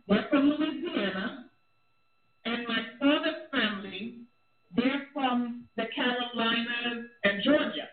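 A middle-aged woman with a strong Jamaican accent speaks in a high voice, telling personal stories with emphatic candor. She keeps checking that her listener follows. She comes over a tinny phone line, distant and echoey. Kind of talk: candid personal storytelling in conversation.

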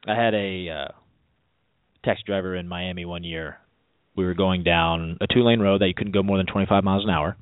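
A man co-hosting a radio talk show, telling stories in a lively casual way. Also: low voice, a little fast, smooth, no room sound. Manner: animated storyteller, voice jumps up in quotes. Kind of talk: casual chat. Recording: dry, phone-like narrow sound.

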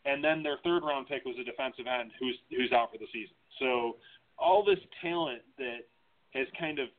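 A man co-hosting a casual sports chat, steady, laid-back and analytical. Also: mid-range voice, moderate pace. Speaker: podcast co-host. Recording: tinny phone-like line.

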